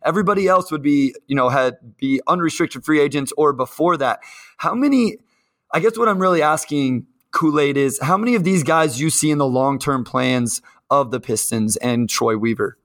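A man's voice: a little high, normal speed, a bit bright. A man hosting a sports podcast, chatting casually and asking his guest questions. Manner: conversational, asks guest questions. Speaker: podcast host.

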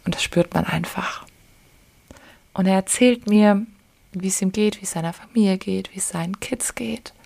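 A woman podcast host telling personal stories in a soft, often whispery, emotional way, close to tears. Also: mid-range voice, moderate pace, creaky. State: tearful. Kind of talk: personal storytelling.

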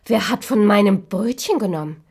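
Seven small, kind and fussy dwarf men from a storybook, as a woman reading aloud puts them on. They ask their questions in a puzzled way, now and then dropping to a hushed whisper, with a lively rise and fall in the voice. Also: mid-range voice, brisk, slightly rough.

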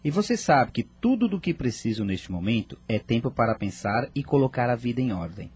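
An actor as a soft-spoken grieving father. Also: mid-range voice, big pitch swings, a little fast, slight background noise, close to an everyday voice. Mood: reflective. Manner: earnest, reflective, subdued. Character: grieving widowed father seeking faith. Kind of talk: radio drama acting.

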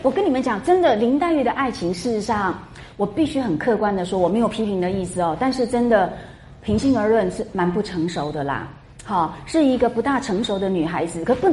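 A woman lecturing a class on a classic novel, chatty and animated, full of rhetorical questions. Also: a little high, slight background noise. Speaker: literature lecturer. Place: classroom with students.

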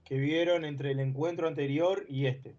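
A man's voice: on the high side, fairly even intonation, moderate pace, a little mellow, muffled recording. A man co-hosting a casual sports podcast, asking questions in a laid-back way. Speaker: podcast co-host. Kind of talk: casual sports talk stream.

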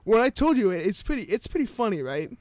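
High-voiced young man rambling a story. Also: sing-song, fast, very noisy. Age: young adult. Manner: rambling storyteller, lots of restarts and "I'm like". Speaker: podcast co-host. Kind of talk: casual chat.

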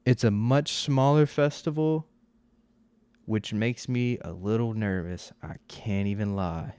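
A man's voice: on the low side, a little slow, a little mellow, clear, resonant tone, no room sound. A man in his twenties hosting a podcast on his own, talking in a loose, rambling way with lots of "like" and casual swearing. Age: 20s. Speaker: podcast host. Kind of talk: casual solo podcast monologue.

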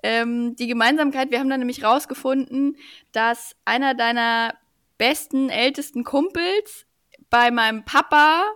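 A woman's voice: fairly high pitch, unhurried, fairly bright tone, clean tone, no echo, clean studio sound. A woman from Franconia co-hosting a podcast, telling a story casually with light laughs. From Franconia, Germany. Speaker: podcast co-host.

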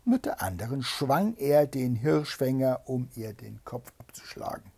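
A man reading a fairy tale aloud with dramatic, expressive narration. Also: medium pitch, normal speed, vocal fry, breathy edge. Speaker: storyteller.

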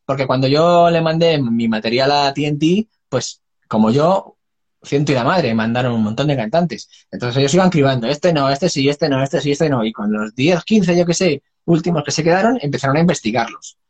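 A man's voice: medium pitch, a little fast. A man, a singer chatting casually and telling stories with laughs and frank swearing. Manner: lively storyteller, laughs and swears freely. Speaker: singer and dub voice guest. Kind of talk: casual chat.

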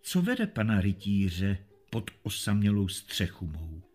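A proud, defiant castle lady, voiced by a male reader, speaks calmly and with measured firmness. Her husky voice sits over faint music in this storybook reading. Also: fairly low pitch, voice pushed down. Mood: firm. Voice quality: calm, measured. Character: dignified defiant noble lady, a mother.

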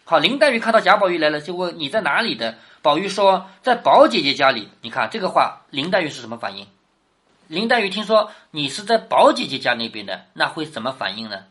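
A woman's voice: low-pitched, sing-song, brisk, fairly bright tone, slightly rough. A woman teaching a classic novel, reading passages aloud and then explaining them, often asking her listener questions. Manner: asks the listener questions, reads quoted lines with more lift.

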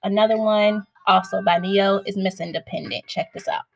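A woman's voice: mid-range voice, fairly even intonation, normal speed, creaky. A woman hosting and chatting casually to her listeners about songs she loves, in an upbeat, friendly way. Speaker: host sharing song picks. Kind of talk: casual chat. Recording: faint music in the background.

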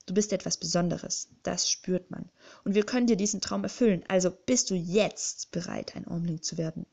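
A woman's voice: fairly low pitch, normal speed, gravelly, a little mellow. A woman reading an audiobook, voicing a jovial, secretive male bookling creature who speaks dramatically and conspiratorially. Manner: dramatic, conspiratorial, grips and urges. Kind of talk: audiobook character voice.

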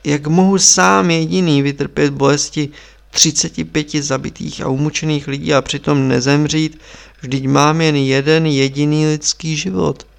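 A man's voice: on the high side, flat delivery, vocal fry. A man voicing a young male monk who pleads in anguish, in an audiobook reading.

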